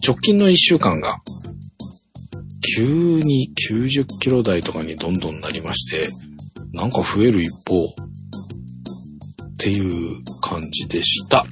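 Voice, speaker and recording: A man's voice: deep voice, expressive, a little slow, long pauses, music in the background. A man casually reading out his diet results on a chat podcast, laughing at himself, with a light lilt. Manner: reads out numbers with little drumroll cues, laughs at himself.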